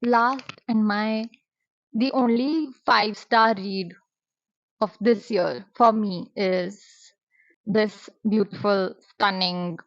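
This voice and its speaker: A woman, talking through book reviews in a chatty, expressive vlog style. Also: mid-range voice, slow pace, dry recording. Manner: chatty, expressive, drops in Hindi words. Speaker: booktuber. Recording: dry, slightly muffled.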